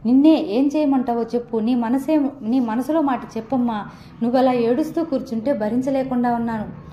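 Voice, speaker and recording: A woman's voice: on the high side, a little fast, a little hiss or hum, lightly acted. A woman voicing a loving, remorseful young daughter who speaks tenderly and pleadingly. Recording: dull, roomy echo.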